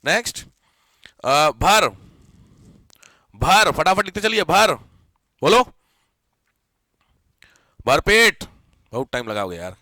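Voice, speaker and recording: High, bright-voiced man teaching grammar. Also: big pitch swings, dry recording. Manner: keeps checking if students follow, mixes English words into Hindi; repeats key words slowly for dictation. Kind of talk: live classroom lesson.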